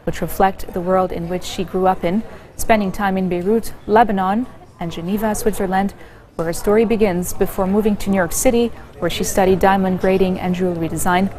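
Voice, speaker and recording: A woman news anchor reading scripted bulletins in a steady, measured way. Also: mid-range voice.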